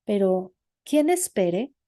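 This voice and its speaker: A woman's voice: medium pitch, very animated, slow, warm tone. A woman voicing a grown island king who speaks with earnest awe.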